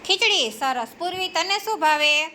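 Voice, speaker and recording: A woman's voice: extremely high pitch, animated, moderate pace, sharp tone, a little hiss or hum. A woman teacher, encouraging a classroom of young children, calling on each by name and praising each answer. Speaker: preschool teacher.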